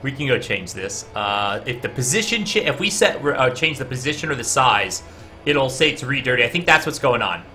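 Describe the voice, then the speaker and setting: A man talks through his code on a live stream, thinking out loud and guessing as he goes. His voice is bright and forceful, at an ordinary pitch. Soft music plays faintly behind him. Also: lively intonation, moderate pace. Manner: chatty, talks to viewers in chat between code explanations; guessing and reasoning out loud with frequent "uh". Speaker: game developer streaming his coding.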